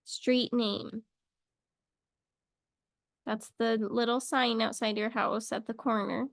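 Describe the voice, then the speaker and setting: A woman's voice: on the high side, steady tone, slow, vocal fry, no room sound, studio quality. A young woman teaching a casual English lesson to camera, chatty and playful, wandering off into little asides.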